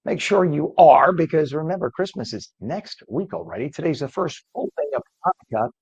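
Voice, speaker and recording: A hoarse man with a croaky frog voice, hosting live news in a chatty, halting way and interviewing a guest. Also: on the high side, expressive, a little mellow, dry recording, highs cut off. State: hoarse, struggling with voice. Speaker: news host.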